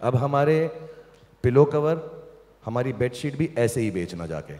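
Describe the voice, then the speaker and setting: A man's voice: medium pitch, big pitch swings, a little slow, a little mellow. A man hosting a launch event on stage, teasing and coaxing a couple with playful jokes. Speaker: event host. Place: large event hall. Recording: hall reverb, faint ambience.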